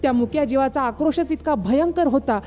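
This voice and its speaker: A woman storyteller reading a horror story with steady, suspenseful narration. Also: high voice, a little fast. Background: faint background music.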